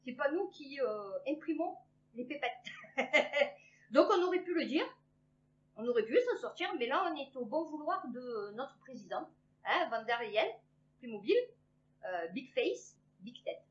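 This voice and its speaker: High-voiced sarcastic woman in her fifties. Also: expressive, a little slow, long pauses. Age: 50s. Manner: rambling, sarcastic asides, many fillers. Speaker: online news commentator. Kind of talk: casual commentary on news headlines. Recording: dull lo-fi recording.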